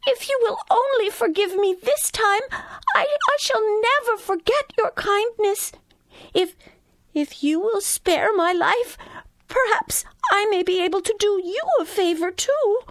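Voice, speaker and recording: A woman voicing a tiny frightened male mouse, pleading and stammering in a shrill voice in a storybook reading. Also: animated, takes it slowly, pushed and bright, no room sound, heavily acted.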